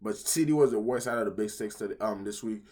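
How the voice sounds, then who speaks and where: A sick, out-of-breath man chatting casually as he recaps football results, excitable and repeating himself as he talks to his viewers. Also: on the low side, fairly quick. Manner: excitable, repeats phrases, keeps addressing the audience. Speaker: football vlogger.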